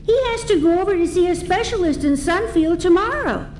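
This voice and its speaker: A woman's voice: extremely high pitch, expressive, a little fast, a little mellow. A woman playing an eager, wholesome young orphan girl in an old-time radio serial, earnest and folksy. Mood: earnest, cheerful. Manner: folksy, earnest, chipper exclamations. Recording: faint background noise, live event.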